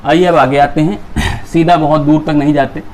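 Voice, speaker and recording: A man's voice: a little high, steady tone, moderate pace, darkish tone, slight background noise. A man teaching a chemistry class, who keeps asking his students questions and then answering them himself. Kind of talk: classroom lecture.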